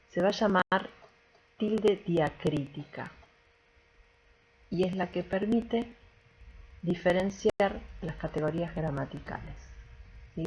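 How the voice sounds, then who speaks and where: A woman teacher walks through a grammar lesson with a low, slightly husky voice. She explains patiently, point by point, and often checks in to make sure the class is following. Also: darkish tone, low-quality recording.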